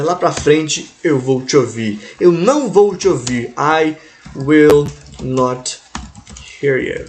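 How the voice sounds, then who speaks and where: A man teaching English grammar in an online lesson, drawing out the example sentences slowly and checking in with the class. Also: on the high side. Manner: slow, drawn-out model sentences with frequent "né?" and "tá?" check-ins.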